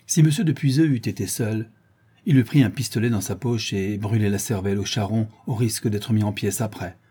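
A man's voice: lowish voice, steady tone, normal speed, dark tone, husky. A man steadily reading a classic novel aloud as narrator.

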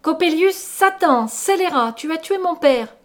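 A woman's voice: lively intonation, unhurried. A woman doing a shrieking terrified boy. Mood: horrified, furious. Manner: shrill, anguished cries. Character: terrified young boy, screaming in horror.

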